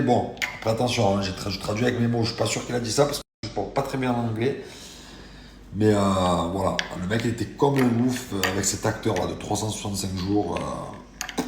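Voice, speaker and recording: Man, low voice, slangy animated vlog chat, sore and tired, echoey room, faint background hum. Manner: slangy, animated storytelling with many restarts. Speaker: vlogger. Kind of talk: casual storytelling vlog.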